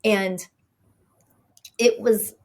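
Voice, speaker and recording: A middle-aged woman talking as a guest on a podcast, her voice sitting at an ordinary pitch for a woman. She tells her story in a lively, conversational way and acts out what people said to her. She uses plenty of fillers and restarts along the way. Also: very slow. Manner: chatty, animated storyteller who acts out quoted dialogue.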